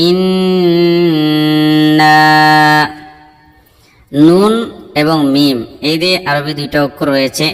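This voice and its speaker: A man teaching Quran recitation, chanting verses slowly and drawn out, then spelling out letters and explaining. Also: fairly high pitch, in a large hall.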